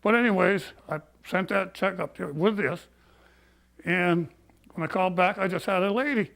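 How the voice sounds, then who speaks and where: A man's voice: sits high, normal speed, creaky, a bit bright. An older man, short of breath, telling his grievances as a barber in a folksy, plain-spoken, indignant way. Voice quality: breathless from COPD. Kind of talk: personal storytelling, complaint.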